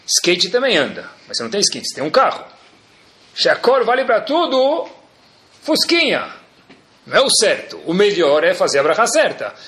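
A man with a Brazilian Portuguese accent teaching a Torah class in an animated way, full of rhetorical questions and jokes for his audience. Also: fairly high pitch, quick pace, few pauses. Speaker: religious teacher.

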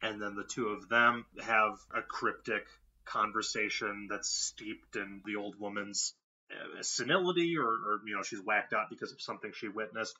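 A man co-hosting a horror film podcast in casual chat, wry and quick to laugh. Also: lowish voice, bright, forceful tone, lo-fi sound. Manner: wry, laughs often, puts on mock voices. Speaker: podcast co-host.

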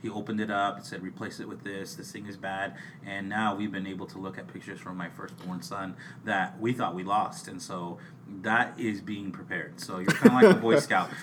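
A man's voice: low voice, flat delivery, moderate pace, recorded from a distance, crowd noise. A man co-hosting a podcast in casual chat, rambling along with frequent restarts. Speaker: podcast co-host. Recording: off-mic with faint background hiss.

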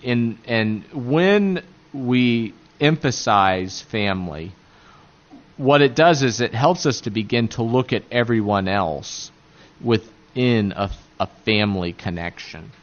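A man with an Appalachian accent giving a religious lecture point by point, haltingly searching for words. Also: mid-range voice, animated, lo-fi sound. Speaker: catechism teacher.

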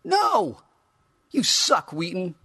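A man's voice: fairly high pitch, big pitch swings, a little fast, fairly bright tone, voice pushed up, full character voice. A man voicing a cranky, smug teenage boy action figure who whines and swears. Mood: outraged. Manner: whiny, bratty, profane.

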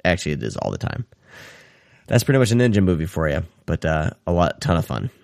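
A man with a lowish voice talks in an easygoing, joking way as a podcast co-host, dropping casual swears. He is heard over a call, close and dry. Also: big pitch swings, quick pace, gravelly, a little mellow, no echo. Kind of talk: casual chat. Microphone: remote call.

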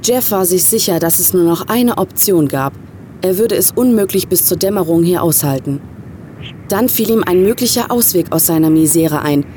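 A woman's voice: lowish voice, moderate pace, mellow, slight background noise. A woman narrating a horror short story with tense, atmospheric storytelling. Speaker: story reader.

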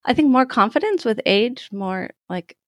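A woman's voice: fairly high pitch, lively intonation, moderate pace, no echo, studio quality. A woman in her thirties, a guest in a casual interview, talking candidly and laughing easily. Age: 30s.

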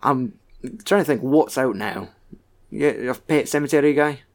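A man's voice: medium pitch, a little slow. A Scottish man co-hosting a casual film podcast, rambling and joking with some swearing. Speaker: podcast co-host.

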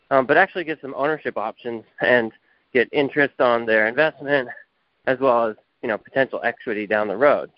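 Heard on the phone during an interview, a man who founded a company speaks in a medium pitch with no room sound. The line is muffled and dry, and his answers run long and explanatory, with plenty of fillers.

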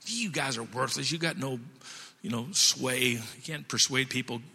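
A man's voice: medium pitch, normal speed, creaky, sharp tone, slightly rough, pitched below the performer's own voice, exaggerated voice. A man playing a nervous, bossy king who talks in casual, exasperated slang, in a long-reverb hall.

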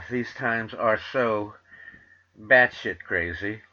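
A man's voice: medium pitch, lively intonation, a little slow, sharp tone. A middle-aged man from New York with a New York accent, hosting his own radio talk show in a rambling, sardonic monologue full of filler uhs. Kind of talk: casual monologue. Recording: dull lo-fi sound.

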